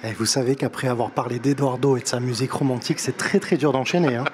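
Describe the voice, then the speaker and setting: Heavy background noise surrounds a fast-talking man of medium pitch who presents a casual music chronicle on a live show. His French carries a slight non-native accent, and he's talkative, eager and quick to laugh at himself.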